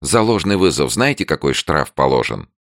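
A man voicing a tired, gloomy young woman who speaks quietly and with restraint in an audiobook. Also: very deep voice, sing-song, moderate pace, no room sound, studio quality, pitched above the performer's own voice, exaggerated voice. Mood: indignant. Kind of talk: audiobook character voice.

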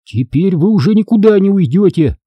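A man voicing a cold, secretive ghost boy in an audiobook, with a husky, eerie manner. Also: expressive, a little fast, no room sound, muffled recording. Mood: menacing. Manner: low cold menace, eerie. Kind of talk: audiobook character reading.

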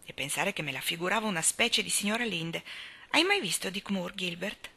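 A woman's voice: on the low side, fairly quick, breathy edge, full character voice. A woman voicing a cheerful, dreamy young newlywed, speaking lightly with laughs in her voice. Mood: thoughtful. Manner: lively, laughing.

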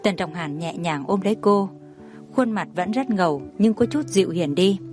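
A woman reading a novel aloud in steady, even scripted narration. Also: fairly low pitch, normal speed. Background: faint background music.

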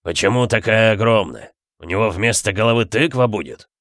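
A man voicing a rude, bad-tempered husband who talks gruffly and barks his words. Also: on the low side, fairly quick, a bit bright, no room sound, clean studio sound, lightly acted. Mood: mocking. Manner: gruff, barking.

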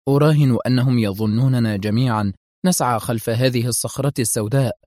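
A man's voice: medium pitch, quick pace, a little mellow, no room sound, clean studio sound, close to an everyday voice. A man voicing a curious young adult woman agent who asks questions in a lightly raised voice.

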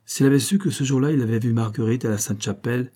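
A man narrating a classic novel in a measured, even reading voice. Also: medium pitch. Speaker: audiobook narrator. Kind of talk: scripted narration.

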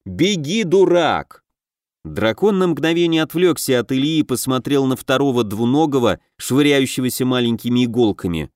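A man reading an audiobook in a steady storytelling voice. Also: medium pitch, fairly quick, hardly any pauses, no echo, clean studio sound. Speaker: audiobook narrator. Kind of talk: scripted narration of a fantasy game novel.

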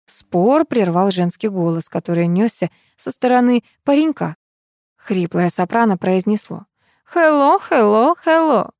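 A woman narrating a novel in the first person in a lively, expressive way. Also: mid-range voice, unhurried, dry recording, studio quality. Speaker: audiobook narrator.

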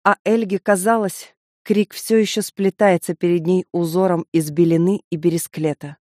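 A woman narrating a dark fantasy audiobook in a vivid, tense storytelling manner. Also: fairly low pitch, steady tone, moderate pace, no echo, studio quality.

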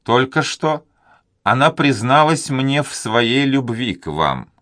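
A man voicing a gloomy, dying old governor who speaks slowly and with contempt. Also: mid-range voice, big pitch swings, a bit bright, no echo, clean studio sound, voice pushed up. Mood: weary. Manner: slow, contemptuous, laboured.

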